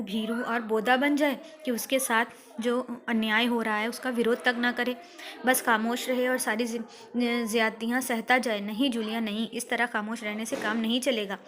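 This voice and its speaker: A woman plays a stern, lecturing householder who nags over money and then delivers a moral speech. The voice sits a little high and stays flat, reading steadily like a schoolbook play. Firm and measured throughout. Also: lightly acted. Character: stern scolding middle-aged male householder.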